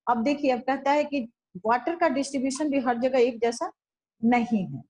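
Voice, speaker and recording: A woman teacher giving a classroom lesson, reading lines slowly and then explaining them in Hindi, often repeating and rephrasing. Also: sits high, rough recording.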